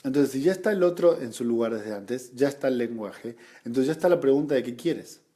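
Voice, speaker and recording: A man's voice: mid-range voice, brisk, mellow. A man with an Argentine Spanish accent teaching a study group in an explanatory lecture, often adding rhetorical tag questions and repeating points for emphasis.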